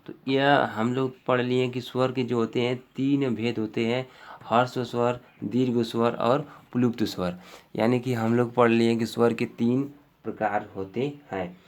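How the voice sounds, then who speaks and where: A male teacher with a medium-pitched voice gives an exam-prep grammar lesson, explaining step by step. He often repeats himself and uses fillers.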